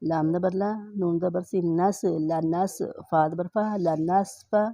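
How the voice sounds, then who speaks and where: A woman with an Urdu accent teaching Quran reading, spelling out each letter and vowel mark slowly and then blending the syllables. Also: fairly low pitch, fairly even intonation, mellow, dry recording, clean studio sound. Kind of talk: slow spelling-out recitation lesson.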